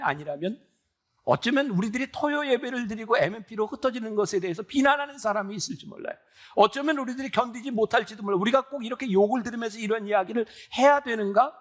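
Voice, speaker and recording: A pastor in his sixties preaching a sermon in an earnest, conversational way, often asking the congregation questions. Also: high voice. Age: 60s.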